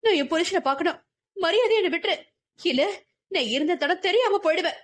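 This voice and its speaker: A woman's voice: very high voice, animated, a little fast, pitched above the performer's own voice. A woman voicing a terrified young woman who pleads and threatens back in an audiobook. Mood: defiant fear.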